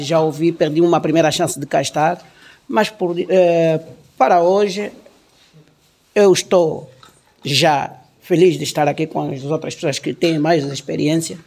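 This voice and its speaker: A man's voice: a little high, a little mellow. Earnest man introducing himself. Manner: earnest, hesitant with fillers. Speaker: activist, workshop participant. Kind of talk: self-introduction.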